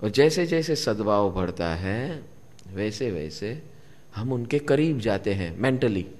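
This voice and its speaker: A spiritual teacher with a fairly low, expressive, slightly mellow voice speaks at a slow pace to a live gathering. He repeats key words and puts questions to his listeners, and the recording carries long hall reverb.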